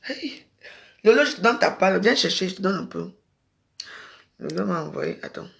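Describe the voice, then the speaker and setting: A woman streaming live from home on her phone. Her voice leaps up and down as she rambles and bursts into loud exclamations. Her talk stays loose and unscripted. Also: on the low side, moderate pace, creaky, noisy background. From Cameroon. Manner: excitable, rambling, breaks into exclamations. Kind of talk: casual Facebook live chat.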